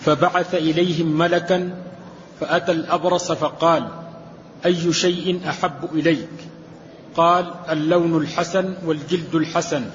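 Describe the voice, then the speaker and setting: A man reading a classical commentary aloud to a teacher in a lesson, in a steady, measured recitation. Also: fairly high pitch, a little hiss or hum. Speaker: student reading the text aloud. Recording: dull recording with long hall reverb.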